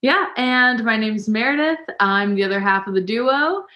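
A woman's voice: fairly high pitch, normal speed, reverberant, lo-fi sound. A woman in her twenties, a professional dancer, chatting casually as a guest over a video call from a living room. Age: 20s. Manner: chatty, laughs while talking. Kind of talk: casual interview chat. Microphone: video call webcam.

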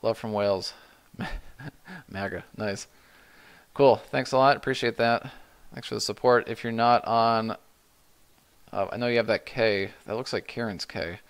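A middle-aged man talks through viewer questions on his live stream, unhurried and loose. His voice sits a little low, and he often trails off and restarts his sentences. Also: clear, resonant tone. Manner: relaxed, rambling, frequent restarts and "you know". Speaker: livestream host answering chat questions.

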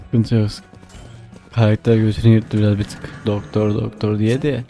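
A man's voice: lowish voice, level tone, moderate pace, warm tone, faint music behind. A man putting on a drunken town-drunk manner, muddled and rambling as he chats during an online game. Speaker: host of a comedy gaming video.

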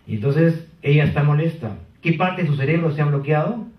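A man with a Peruvian accent giving a lively sales-training seminar, quizzing the audience as he goes. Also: a little high, a little fast. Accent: Peruvian Spanish. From Peru. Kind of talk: live motivational seminar talk. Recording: roomy, distant, dull seminar hall.

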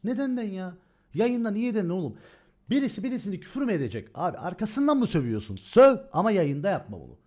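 Man, streamer, high voice, rapid-fire, agitated, ranting. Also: very animated, darkish tone. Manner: fast, agitated ranting with swearing. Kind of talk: heated casual stream talk.

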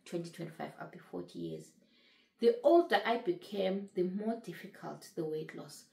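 A woman's voice: fairly low pitch, normal speed, creaky, a little mellow, roomy sound. A woman in her late thirties talking casually to camera about her weight loss, earnest and repeating phrases for emphasis. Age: 30s. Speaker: vlogger sharing her weight-loss journey.

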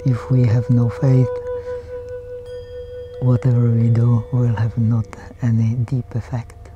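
Older male Buddhist monk, Czech accent, unhurried and even, slightly dull recording over flute music. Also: medium pitch. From Czech Republic. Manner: slow and calm, ending thoughts with a questioning "huh?" or "hmm?". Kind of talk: reflective documentary interview.

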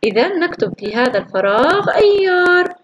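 A woman teacher going through workbook exercises for young pupils, praising often and slowly drawing out syllables as she sounds words out. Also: very high voice, very animated, muffled recording, noisy background. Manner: slow, drawn-out syllables when sounding out words. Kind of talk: recorded classroom lesson.

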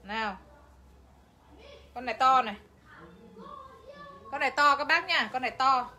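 An unhurried woman with a high-pitched, sharp voice pitches clothes live on a livestream. Chatty and quick to laugh, she talks straight to the people watching.

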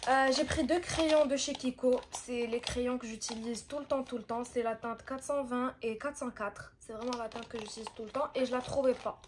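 A woman's voice: fairly high pitch, steady tone, normal speed, hardly any pauses, noisy background. A young woman chatting casually through a shopping haul vlog and mixing languages as she talks. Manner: chatty, switching between languages mid-sentence. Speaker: vlogger.

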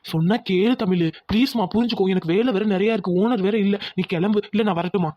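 A man's voice: high-pitched, fast, dry recording, highs cut off. A man playing a firm, caring young husband. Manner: firm, reassuring.

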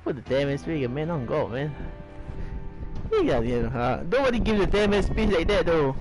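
Slow-talking, slangy male streamer. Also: on the high side, very animated, over music, poor audio. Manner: loose slangy reactions with frequent swearing. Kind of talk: casual gameplay commentary.

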